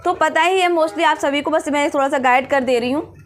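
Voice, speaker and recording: A woman's voice: high-pitched, moderate pace. A young woman vlogger giving earnest, coaching advice on interview preparation in a casual way. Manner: earnest, coaching, often asks "है ना?".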